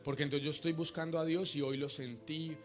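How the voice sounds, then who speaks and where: A man's voice: on the high side, level tone, fairly quick, faint music behind. Man preaching a sermon. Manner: teaching in short repeated phrases, calls congregation to repeat.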